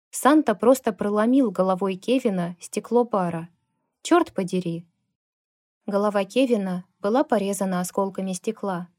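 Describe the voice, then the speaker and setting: A woman reading a first-person audiobook in a steady, expressive storytelling manner. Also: medium pitch, no echo, clean studio sound. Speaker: audiobook reader.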